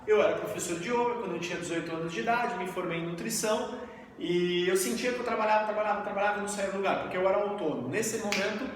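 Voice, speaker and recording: A man in his thirties from Brazil, giving a lively live training talk and asking the audience questions. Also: sits high. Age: 30s. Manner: energetic, asks the audience questions. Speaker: network marketing trainer. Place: event room with audience. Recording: echoey hall, mic far off, faint hiss.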